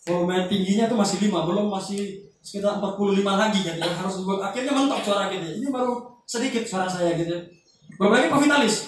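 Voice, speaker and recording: Loud joking man in an echoey room. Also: high-pitched. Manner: loud, joking, animated teaching with asides. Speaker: youth group speaker. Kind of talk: casual lecture to a group. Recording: very echoey, distant, faint noise.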